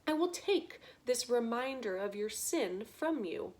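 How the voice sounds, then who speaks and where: A woman voicing a sly, smooth-talking male rat who speaks in a soft, measured, courteous way. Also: fairly high pitch, lively intonation. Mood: silky calm.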